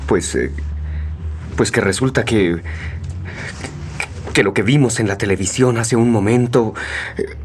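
An actor playing a nervous, lovestruck man in a melodramatic radio drama, speaking haltingly. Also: fairly low pitch, a little hiss or hum, close to an everyday voice. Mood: shaken, hesitant. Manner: halting, hesitant delivery. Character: nervous lovestruck man, hesitant bearer of bad news.

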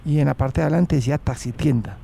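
A Colombian man telling his own story in a halting way, often restarting his sentences and acting out what people said. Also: mid-range voice, creaky, mellow, husky. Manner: halting, with restarts and acted quotes. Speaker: interviewee. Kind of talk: personal storytelling.

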